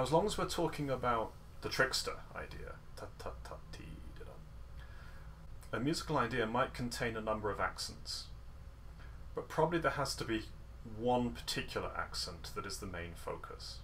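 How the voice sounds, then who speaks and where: A man's voice: fairly low pitch, sharp tone, slight background noise. A man teaching an online guitar masterclass over a video call, playful and detail-focused, often singing rhythms with nonsense syllables. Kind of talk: online music lesson coaching.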